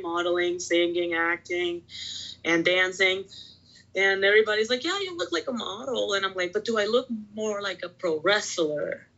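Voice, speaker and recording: A Puerto Rican pro wrestler in her twenties chats casually as a podcast guest, sprinkling "like" throughout. Her voice is medium in pitch with a sharp tone, and the highs are cut off.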